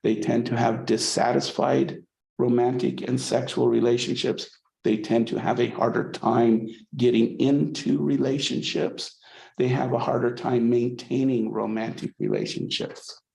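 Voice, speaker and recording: Gravelly male lecturer in an echoey room. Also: mid-range voice, measured pace, a little mellow. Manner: conversational, frequent "okay?" checks, repeats words when restarting. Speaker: psychology instructor. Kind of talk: college lecture.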